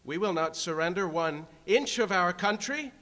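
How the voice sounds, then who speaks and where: An American man giving a roaring, rallying political-religious speech, emphatic and rhetorical, with deliberate repetition. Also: high-pitched, animated, bright, forceful tone. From Virginia, United States. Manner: roaring, rallying delivery at its peaks. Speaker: speaker at a prayer breakfast. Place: large hall, speech to a gathering. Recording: reverberant hall PA sound.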